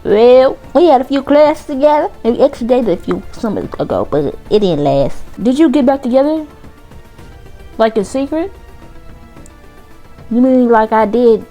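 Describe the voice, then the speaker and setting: A woman's voice: a little high, big pitch swings, normal speed, mellow, soft background music, voice pushed up. A woman voicing a teenage boy football player in a mock Southern accent, casual and backpedaling as he answers questions. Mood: defensive.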